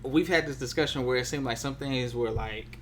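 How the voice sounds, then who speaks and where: A man with a mid-range voice talks a little fast in a casual, colloquial chat about relationships, often checking the listener is following and peppering his speech with "you know what I'm saying." Slight background noise is present.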